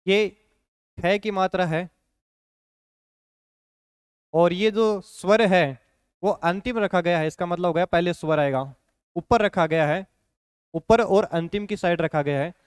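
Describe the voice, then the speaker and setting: High-voiced man teaching slowly. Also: smooth, dry recording, clean studio sound. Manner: patient, repeats points with frequent "ठीक है" check-ins. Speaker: shorthand teacher. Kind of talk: classroom lesson explanation.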